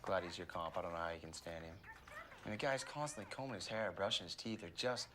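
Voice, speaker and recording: A man's voice: low-pitched, quick pace, noisy background, close to an everyday voice. A young man playing a sarcastic, lazy missionary, speaking dryly. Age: young adult. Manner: dry, sarcastic.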